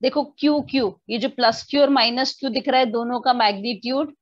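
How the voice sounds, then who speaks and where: A woman teaching physics in an online class, her voice pitched a little high and recorded close and dry. The sound is slightly dull and lo-fi. She explains step by step, slips into English for definitions and keeps asking her students whether they follow. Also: a little fast, dry recording.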